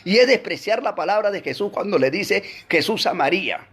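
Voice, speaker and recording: A man teaching a Bible class, preaching emphatically with rhetorical questions to his listeners, swinging between loud exclamations and low asides. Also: animated, fairly quick, breathy edge.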